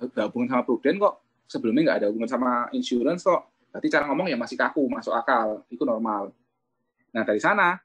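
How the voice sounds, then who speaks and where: A man's voice: fairly high pitch, a bit bright, husky. A man, an insurance agent giving a chatty motivational talk about his own experience and often addressing his listeners as friends.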